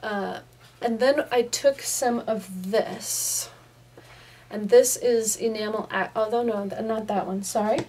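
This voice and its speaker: A woman's voice: fairly high pitch, fairly even intonation, takes it slowly, a little mellow, far from the mic. A woman casually showing her handmade paper crafts to viewers, chatting loosely with frequent ums. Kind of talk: casual craft show-and-tell. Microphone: camera pointed at her hands, away from her face.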